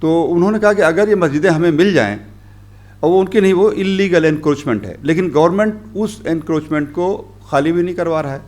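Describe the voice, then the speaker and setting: Slightly high-voiced man lecturing a workshop. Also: animated, darkish tone. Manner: rambling, mixes Hindi with English phrases, many pauses and fillers. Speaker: journalist giving a workshop talk. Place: conference hall.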